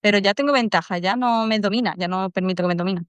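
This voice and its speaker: Andalusian woman guest, smooth clear voice, dry close sound, earnest and reflective. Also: mid-range voice, quick pace, no room sound. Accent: Andalusian Spanish. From Málaga, Spain. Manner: earnest, reflective, acts out inner dialogue in soft voices. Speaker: podcast guest. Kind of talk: casual interview chat.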